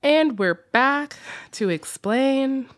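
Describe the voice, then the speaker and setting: Southern woman, podcast host, animated casual chat, joking asides, faint music underneath. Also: sits high, very slow.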